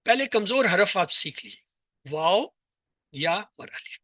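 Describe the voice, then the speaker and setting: A man teaching Arabic verb grammar to a class, asking questions and answering them himself, and spelling out letters and words slowly. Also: sits high, lively intonation, bright, forceful tone, dry recording. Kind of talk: classroom lesson.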